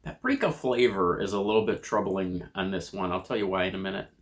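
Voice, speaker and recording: An American man giving a casual food review to camera in a measured, descriptive way, crunching and chewing chips between remarks. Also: deep voice, lively intonation. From United States.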